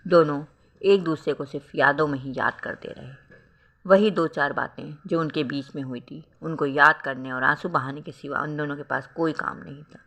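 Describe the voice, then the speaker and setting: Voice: mid-range voice, fairly even intonation, moderate pace, creaky, sharp tone. A storyteller reading a self-written romantic drama aloud, voicing every role in a melodramatic way. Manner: melodramatic, reads all roles. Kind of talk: scripted story narration.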